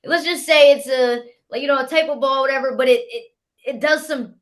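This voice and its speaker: A woman's voice: sits high, steady tone, brisk. A woman who bowls professionally, a podcast guest chatting casually and trailing off with fillers. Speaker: podcast guest, pro bowler. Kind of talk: casual chat.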